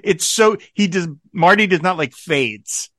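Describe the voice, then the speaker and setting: A man hosting a podcast, chatting casually and telling rambling, animated stories with lots of fillers. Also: high-pitched, measured pace, no room sound, clean studio sound. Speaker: podcast host. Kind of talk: casual chat.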